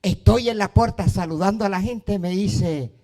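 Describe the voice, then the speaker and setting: A man's voice: sits high, moderate pace, mellow. A male pastor preaching a sermon in a church, telling a story and then pleading with the congregation in repeated calls. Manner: repetitive, pleading invitations. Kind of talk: sermon with storytelling and altar call.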